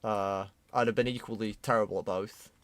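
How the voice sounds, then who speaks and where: A British man streaming his 3D modelling work, chatting casually with a friend in a relaxed, self-deprecating way and cracking dry jokes. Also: fairly low pitch, fairly quick. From United Kingdom. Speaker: streamer, 3D artist. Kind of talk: casual chat while working.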